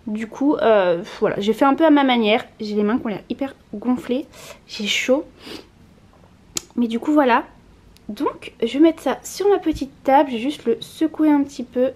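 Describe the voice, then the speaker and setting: A woman casually talking through a home DIY project for her vlog, relaxed and chatty, with frequent small hesitations. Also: sits high, normal speed. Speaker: lifestyle vlogger. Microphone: compact camera mic.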